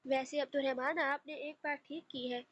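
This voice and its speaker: A woman voicing a proud, sharp-tongued young woman who taunts a young man. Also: high-pitched, fairly even intonation, normal speed, dull audio, close to an everyday voice. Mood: taunting.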